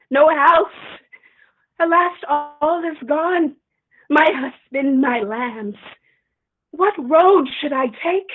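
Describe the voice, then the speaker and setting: A woman as a wailing old captive queen, high voice, slow heavy delivery, tinny phone-like sound. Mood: wailing grief. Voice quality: crying, wailing lament. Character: old widowed enslaved queen, grief-stricken. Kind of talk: stage play reading.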